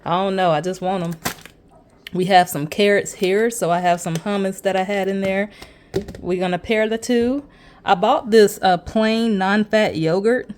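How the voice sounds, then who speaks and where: A woman's voice: mid-range voice, darkish tone, a little hiss or hum. A woman talking casually to the camera in a vlog, chatty and encouraging, with emphatic asides to her viewers. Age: adult with a child. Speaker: vlogger.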